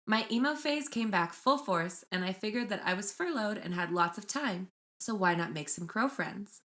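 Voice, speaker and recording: A woman's voice: mid-range voice, normal speed. Woman co-host telling stories casually. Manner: animated storyteller, reads stories aloud. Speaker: podcast co-host. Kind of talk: casual chat and storytelling.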